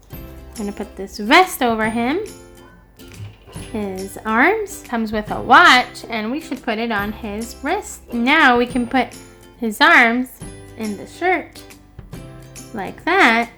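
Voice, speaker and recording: A woman's voice: on the high side, a bit bright. A woman hosting a toy unboxing, cheerfully explaining each step of building a figure for young viewers. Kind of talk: narrating a toy unboxing for children.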